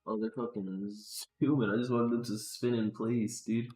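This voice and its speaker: A man with a mid-range, steady, somewhat dark voice speaks at a normal pace, muttering slangy, sweary thoughts to himself as he works. He's a game developer livestreaming his work, with faint music in the background and a roomy echo on the recording.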